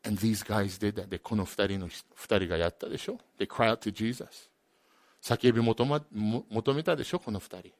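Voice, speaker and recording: A man preaching a sermon as a pastor, switching between two languages and swinging from loud emphatic peaks to quiet asides. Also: fairly low pitch, moderate pace, no echo. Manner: alternates each point between two languages. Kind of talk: bilingual sermon.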